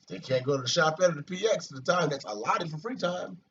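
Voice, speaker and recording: A soldier vlogger with a fairly high voice talks fast, rambling on at length about his army routine in a casual chat. He's animated and profane, swearing often as he vents. The recording is distant and muffled, with a light hiss.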